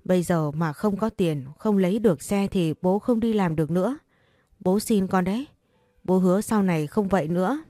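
A woman's voice: lowish voice, normal speed, mellow, no room sound, clean studio sound, lightly acted. A woman voicing an ashamed older father who begs his daughter for money, speaking hesitantly and stammering. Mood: pleading, ashamed.

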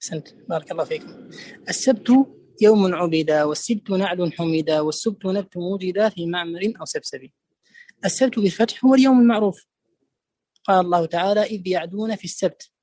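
High-voiced man giving a classical lecture. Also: a little mellow, dry recording. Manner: deliberate, repeats key words to stress them. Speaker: teacher explaining a poem.

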